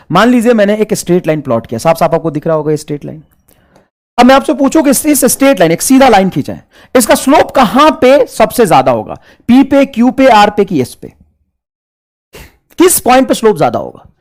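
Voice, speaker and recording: A man teaching a math lesson, repeating each point over and over and calling his students children. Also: high voice. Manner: repetitive, drills points over and over; addresses students fondly as children. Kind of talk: classroom lesson.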